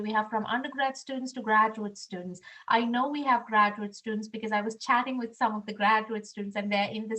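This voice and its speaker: Here the recording quality is low, and the woman's voice runs on the high side with a slightly bright tone. Presenting a webinar, the Sri Lankan international programs director stays friendly while relying heavily on "um"s.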